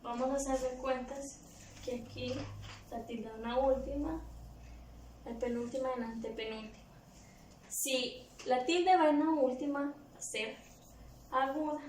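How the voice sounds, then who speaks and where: A woman's voice: high voice, steady tone, measured pace, long pauses, darkish tone, distant mic. A woman teacher with a Guatemalan Spanish accent, patiently explaining a grammar review lesson to young pupils step by step. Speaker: primary school teacher. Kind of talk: recorded remote review lesson for children. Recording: echoey room, faint background noise.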